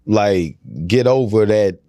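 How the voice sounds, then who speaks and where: A man co-hosting a podcast in casual chat, loud and joking, laughing a lot. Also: slow, dry recording. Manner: loud joking banter, laughs a lot, swings into high exclamations. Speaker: podcast co-host.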